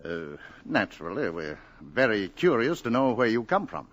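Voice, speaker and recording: A nervous government man in an old radio play. His fairly low voice jumps up and down a lot, and he hedges politely. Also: very animated, moderate pace, a bit bright, dull audio. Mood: uneasy. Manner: polite, hesitant, with many uhs. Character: nervous male government secretary. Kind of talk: 1950s radio drama acting.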